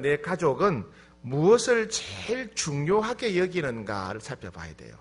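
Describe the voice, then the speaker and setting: A man preaching to a congregation, acting out the inner thoughts of husbands and wives and often asking listeners to agree. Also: fairly high pitch. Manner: animated, acts out quoted thoughts of spouses; asks the audience for agreement again and again. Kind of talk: sermon.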